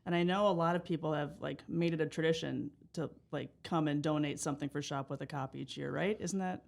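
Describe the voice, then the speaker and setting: A woman's voice: low-pitched, steady tone, a little fast, gravelly. A woman hosting a casual podcast interview, chatty and encouraging, with frequent agreement and laughter. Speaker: podcast host.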